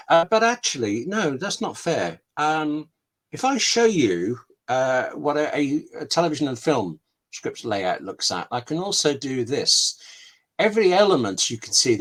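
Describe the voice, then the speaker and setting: On an online call, a man interviewed as a scriptwriter explains his craft candidly with examples and anecdotes, often interrupting himself in this webinar-style chat. His mid-range voice has a fairly bright tone.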